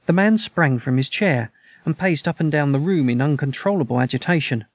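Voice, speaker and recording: A man's voice: a little high, animated, brisk, no room sound. Man reading a classic story aloud. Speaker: audiobook narrator. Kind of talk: scripted narration.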